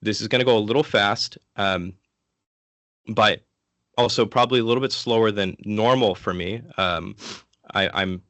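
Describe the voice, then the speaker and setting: A man giving an informal, interactive lecture in a casual, conversational way, sick and low on energy. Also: normal speed, fairly bright tone, no echo. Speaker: guest lecturer from an online ministry.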